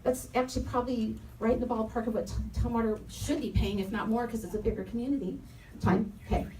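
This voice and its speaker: A woman's voice: fairly high pitch, fairly even intonation, fast talker, mellow. Impassioned woman speaking at a public forum. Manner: earnest, impassioned, repeats key phrases. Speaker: parent and educator at a community forum. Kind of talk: public comment speech. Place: community meeting room, roomy and echoey. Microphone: handheld microphone, held from some distance. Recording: echoey room, distant mic, faint noise.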